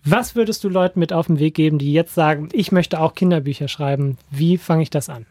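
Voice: mid-range voice, brisk, darkish tone, no echo, clean studio sound. An interviewer encouraging a guest and pointing listeners to her website.

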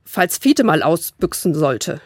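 A woman reading a children's book aloud and voicing a lively, quick-witted young girl who teases and jokes. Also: low voice, no room sound, studio quality, full character voice. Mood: playful. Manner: quick, bright, joking.

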